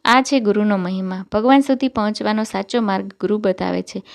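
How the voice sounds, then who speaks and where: A woman reading a devotional story script aloud, in a measured and moralizing manner. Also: mid-range voice, fairly even intonation, gravelly.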